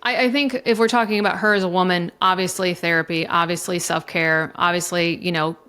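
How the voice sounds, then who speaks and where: A woman's voice: lowish voice, steady tone, brisk, sharp tone, clean tone. A middle-aged woman, a divorce coach, talking candidly and emotionally in a podcast interview, swearing freely as she goes. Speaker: divorce coach and mediator guest.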